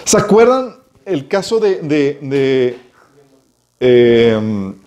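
A man teaching a conversational Bible study to a small group, animated and full of rhetorical questions, often checking in with a quick "sí". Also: medium pitch.

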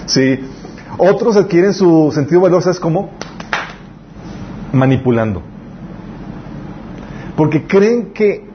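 A man preaching a casual, conversational youth sermon, reading scripture and checking that listeners follow. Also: fairly high pitch. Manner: conversational, asks listeners to agree. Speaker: youth pastor. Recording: slightly dull lo-fi recording with faint noise.

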